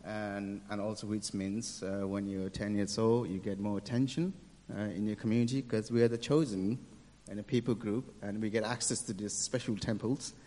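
Young guy telling his story in a church, lots of ums, lowish voice, big hall echo. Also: fairly even intonation, mellow. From Nepal. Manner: hesitant, many ums, quick to laugh. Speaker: interview guest. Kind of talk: casual testimony in church.

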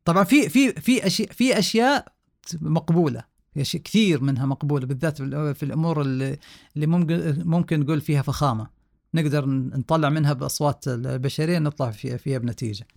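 A man, a sound engineer being interviewed on a podcast, explaining things slowly with many hesitations and restarts. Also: on the high side, gravelly, darkish tone.

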